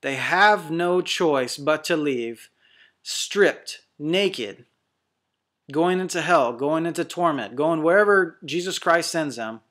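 A man preaching as a deliverance minister in a fervent, blunt monologue, swinging between quick bursts and slow, stressed lines. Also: on the high side, expressive, a bit bright.

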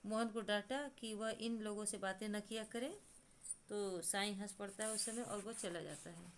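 A woman's voice: medium pitch, fairly even intonation, normal speed, slight background noise. Woman teacher retelling a Hindi story. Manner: retells and paraphrases lines, with many fillers. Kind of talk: explaining a Hindi lesson story.

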